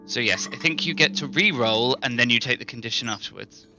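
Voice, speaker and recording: A man's voice: mid-range voice, a little fast, music in the background. A man casually narrating and refereeing a tabletop game, often thinking aloud. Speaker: game master.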